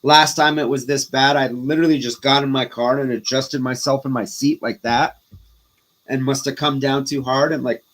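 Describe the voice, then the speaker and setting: A man in his forties chatting casually as a guest, an animated storyteller who pokes fun at himself. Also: medium pitch, moderate pace. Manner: animated storyteller, self-deprecating. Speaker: podcast guest, disc golfer. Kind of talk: casual chat.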